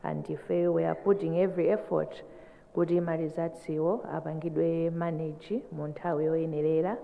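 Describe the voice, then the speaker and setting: A woman with a Malawian accent answering formally at a press briefing as an election official, in a measured, explanatory way, mixing two languages. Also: low-pitched, level tone, creaky. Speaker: election commission chairperson. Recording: echoey hall, thin phone-like sound.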